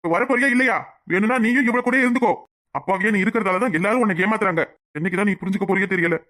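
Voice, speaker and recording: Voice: mid-range voice, racing, fairly bright tone, natural voice. Hot-headed young cartoon man, voiced. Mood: agitated. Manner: curt, accusing. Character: hot-headed young man torn between two women. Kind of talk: cartoon voice acting.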